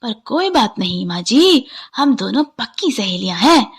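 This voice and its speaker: A woman's voice: a little high, sing-song, measured pace, breathy edge, full character voice. Woman doing a nosy gossiping young bride. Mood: chatty. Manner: chatty, gossiping. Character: gossipy young daughter-in-law, nosy and chatty. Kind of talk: animated story voice acting.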